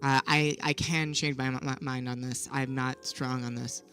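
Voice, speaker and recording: A mid-pitched speaker talks in a measured, thoughtful way, hedging and posing questions to guide the conversation. Soft music sits faintly in the background. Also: level tone. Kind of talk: casual discussion.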